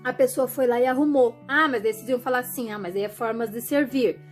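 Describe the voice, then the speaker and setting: A woman talking to her viewers in a chatty, animated way, often acting out what other people say. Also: on the high side, fairly quick, soft background music. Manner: chatty, animated, acts out quoted voices. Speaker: vlogger. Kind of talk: casual monologue to camera.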